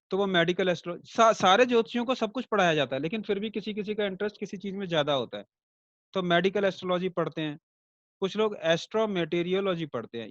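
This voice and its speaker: A man's voice: a little high, dry recording, highs cut off. A man teaching an online astrology class, conversational, checking in with his students and explaining through everyday comparisons and light jokes.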